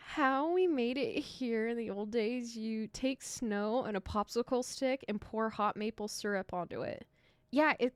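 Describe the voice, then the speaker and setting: A woman's voice: high voice, no room sound. A young American woman streaming live, chatting casually and teasing her viewers with frequent laughter. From United States. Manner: giggly, teasing, laughs often.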